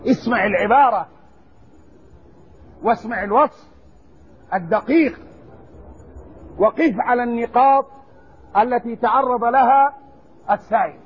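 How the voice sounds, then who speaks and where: A man teaching a recorded religious lesson, explaining slowly and deliberately and stressing word forms. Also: very high-pitched, breathy edge. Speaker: Islamic scholar teaching hadith. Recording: dull lo-fi lecture recording.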